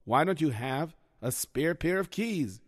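A man's voice: on the high side, animated, unhurried, dry recording, clean studio sound. A man playing a teacher who speaks patiently to a class of children. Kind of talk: children's comedy sketch.

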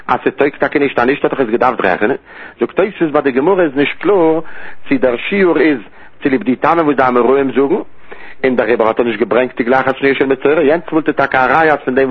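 A man teaching a Talmud lesson, his voice husky and a little breathy. He talks in a rising, sing-song study cadence. The sound is narrow and tinny, like a phone line. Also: mid-range voice.

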